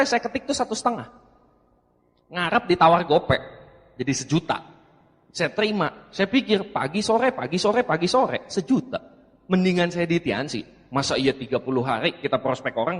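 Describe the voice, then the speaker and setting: A man giving a motivational seminar talk, telling his story and acting out the dialogue while addressing the audience. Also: high-pitched. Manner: animated, acts out dialogue, keeps addressing the audience. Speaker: seminar speaker. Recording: reverberant hall.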